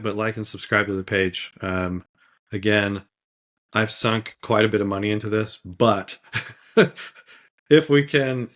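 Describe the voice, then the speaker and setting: A fairly low-voiced man with a slight cold, co-hosting a podcast. He talks in a loose, laid-back way, full of "like" and "um", and laughs easily between thoughts. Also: fairly bright tone. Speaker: podcast co-host. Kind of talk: casual podcast chat.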